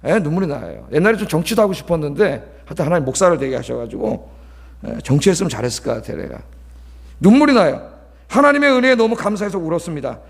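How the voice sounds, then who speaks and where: A man's voice: a little high, very animated, fast, gravelly. A middle-aged male pastor preaching a sermon, talkative and scolding, often checking in with the congregation. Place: large church sanctuary. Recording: long church hall reverb.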